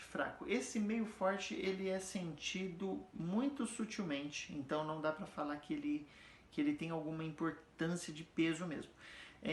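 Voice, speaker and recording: A man's voice: a little high, a bit bright, slight background noise. A man teaching music theory in an easygoing, conversational way. He stops often to ask whether his listeners are following along. The room around him gives his voice a noticeable echo. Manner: explains patiently, checks understanding with frequent tag questions; sings or chants example words slowly to demonstrate stress. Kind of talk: casual explanatory lesson. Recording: echoey room.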